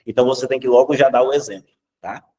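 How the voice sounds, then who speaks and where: A man with a Brazilian Portuguese accent teaching public speaking in a lively, conversational way, often checking in with "tá?" and acting out examples. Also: mid-range voice, quick pace, far from the mic. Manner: acts out examples in changed voices.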